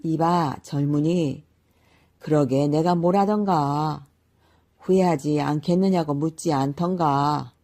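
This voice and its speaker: A woman voicing a sly old man who makes masks, speaking slowly and knowingly and calling out to buyers at a market. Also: low-pitched. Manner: unhurried, knowing, hawking loudly at market.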